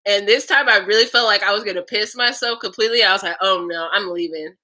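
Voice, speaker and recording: Bright-voiced young woman vlogging frankly. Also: mid-range voice, quick pace. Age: young adult. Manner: chatty, laughs often, frank and profane. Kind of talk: casual storytelling vlog.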